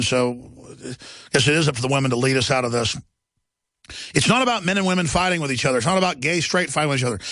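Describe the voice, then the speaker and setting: A man's voice: pushed and bright, no echo. Ranting, sarcastic male talk radio host. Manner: ranting, sarcastic, voice jumps high when mocking. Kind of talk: heated talk radio monologue.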